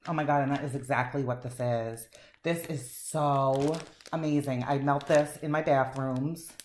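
A woman's voice: a bass voice, fairly even intonation, a little slow, darkish tone. A woman chatting casually and enthusiastically as she reviews wax melts, rambling with fillers. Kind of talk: casual chat. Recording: echoey room, faint noise.

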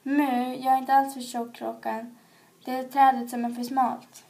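A woman's voice: high-pitched, flat delivery, warm tone. A woman voicing a cheerful, stubborn mother cow who protests mildly and matter-of-factly. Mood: protesting.

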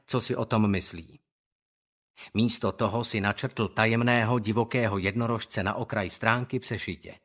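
A man reading an audiobook in calm, measured scripted narration. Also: mid-range voice.

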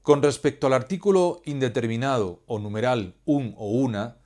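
Man, language teacher, measured, didactic, mid-range pitch. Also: a little mellow. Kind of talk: scripted educational explanation.

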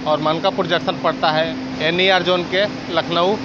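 Holding a phone at arm's length, a thirtysomething man narrates his train travel vlog outdoors on platforms and at a moving train door, reeling off station facts like an upbeat guide. His slightly high voice is flat and moderately paced, and the lo-fi audio has background noise.

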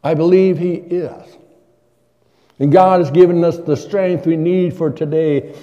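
Delivering a sermon as a guest preacher, an older man talks with his congregation from the church pulpit, asking them questions conversationally. His pitch is fairly high yet dark in tone, steady and a little slow, captured in lo-fi sound with long church reverb.

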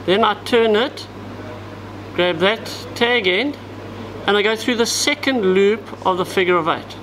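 A man's voice: high voice, unhurried, background noise. A man, giving a step-by-step fishing knot tutorial at a table in a tackle shop, talking as he works with his hands. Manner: step-by-step, talks while working with his hands.

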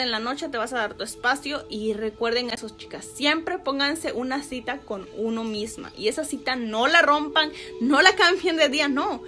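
A woman's voice: sits high, bright, forceful tone. Upbeat woman with a Mexican Spanish accent. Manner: chatty, upbeat, motivational. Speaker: fitness vlogger. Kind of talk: casual chat to camera. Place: small bedroom indoors. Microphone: phone camera close up.

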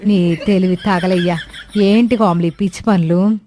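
A woman voicing a bossy, sharp-tongued older mother-in-law in a cartoon story, grumbling and scolding. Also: on the low side, steady tone, measured pace, a little hiss or hum, natural voice.

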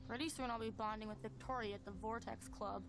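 A woman's voice: fairly high pitch, fairly even intonation, fast, over music, natural voice. An actress voicing a bookish loner teenage girl in a video game, dry and sarcastic.

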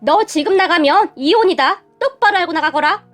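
A woman's voice: very high-pitched, expressive, fast, fairly bright tone, faint music behind. A woman voicing a domineering older mother-in-law who screeches and scolds. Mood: cold.

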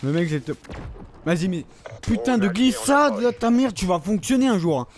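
A man giving excitable, slang-heavy commentary over his own gameplay, swearing often. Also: high-pitched, normal speed, faint music behind. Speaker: gaming video creator.

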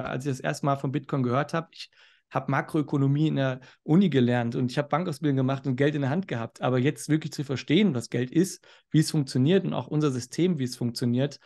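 Gravelly-voiced man, animated podcast guest. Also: medium pitch. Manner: animated, sometimes fast and loud. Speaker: podcast guest, finance educator. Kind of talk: casual podcast conversation.

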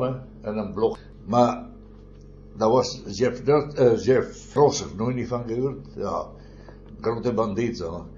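A man's voice: mid-range voice, a little mellow. An older man, a former miner, telling rambling stories in an oral history interview, often adding tag questions and short chuckles. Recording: muffled with faint noise.

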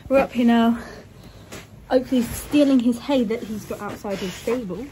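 A woman's voice: fairly high pitch, normal speed, noisy background. Chatty young woman vlogging. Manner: chatty, upbeat, rambling. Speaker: equestrian vlogger. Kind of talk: casual vlog chat. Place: stable yard, outdoors and in a horse lorry. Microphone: phone held at arm's length.

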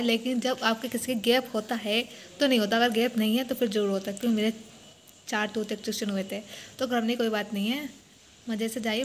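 A woman's voice: on the high side, slight background noise. A young woman vlogger talking with braces on, chatting casually to camera, mixing English into her talk and laughing at her own jokes.

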